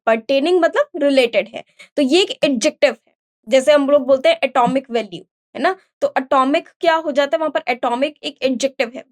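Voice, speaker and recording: A high-voiced woman with an Indian accent teaches a vocabulary lesson. She walks through each word step by step, asking the class questions and then answering them herself.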